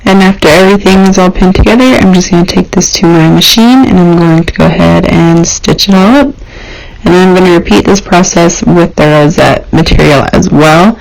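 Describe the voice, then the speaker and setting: Young woman doing casual craft tutorial voiceover, bit low, lots of vocal fry. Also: brisk, poor audio. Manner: informal, explanatory.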